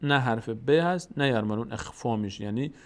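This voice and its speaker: A man with a Tajik-influenced Persian accent teaching Quran recitation, explaining the rules quickly and then drawing out the example words slowly. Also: medium pitch. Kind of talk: tajweed lesson with slow recited examples.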